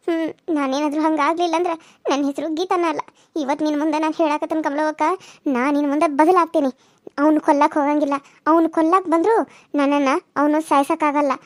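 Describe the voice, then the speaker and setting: A woman's voice: very high-pitched, no echo, studio quality. A woman voicing a distressed young village wife in a cartoon serial, pleading and defiant by turns.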